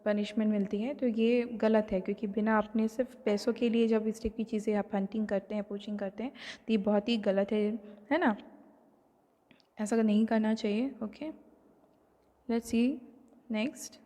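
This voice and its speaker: Recorded amid long, lingering reverb, a female online teacher with an Indian accent explains a textbook, reading English lines slowly and deliberately before switching to simple Hindi with many fillers. Her tone is steady and mellow, with a middle-range pitch.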